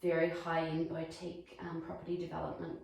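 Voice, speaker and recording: A woman in her 40s with a New Zealand accent plays a sociable real estate agent in a mock sales meeting, filling her speech with ums. Her low, creaky, darkish voice is brisk and utterly flat. Sound bounces around the room and the mic is well away from her.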